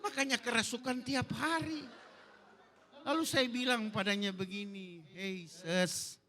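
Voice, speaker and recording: A middle-aged male pastor with a Manado accent preaches in a high-pitched voice. His tone is piercingly bright and forceful. He delivers the sermon with humorous asides and sometimes shouts. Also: a little slow.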